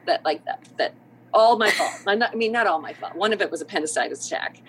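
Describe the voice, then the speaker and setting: A woman's voice: medium pitch, quick pace. Middle-aged lady telling a wild story, voice swooping all over, laughing, noisy line. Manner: lively, laughing, acts out quoted lines. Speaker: podcast guest, theater artistic director. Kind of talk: animated storytelling.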